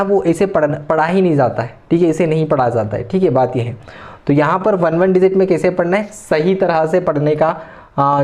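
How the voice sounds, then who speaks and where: Man, maths teacher, warm low-bright tone, patient and repetitive delivery. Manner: repetitive tag questions, patient step-by-step explaining. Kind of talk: classroom lecture.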